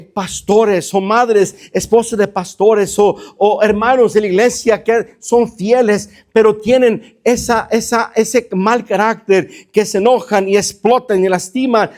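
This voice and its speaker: A male pastor preaching a fervent sermon, constantly turning to address his congregation. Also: high voice.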